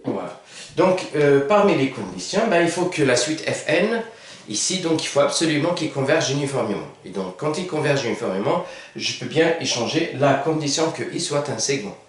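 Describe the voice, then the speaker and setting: A man's voice: medium pitch, big pitch swings, normal speed. A man teaching a math lesson, talking it through with many fillers and self-corrections. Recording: echoey room, mic far off.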